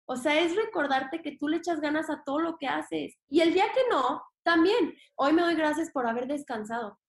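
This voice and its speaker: A young adult woman with a Mexican accent, a podcast guest chatting casually in an expressive, slangy way and acting out her inner voice. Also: high voice, moderate pace. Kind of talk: casual conversation. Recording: echoey room.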